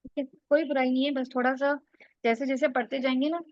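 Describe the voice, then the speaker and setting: A woman tutor with a slightly high voice coaches a single student, correcting his reading and explaining step by step. The sound is dry and a little dull. It has the steady pace of an online lesson. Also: fairly quick, no room sound. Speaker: English exam tutor.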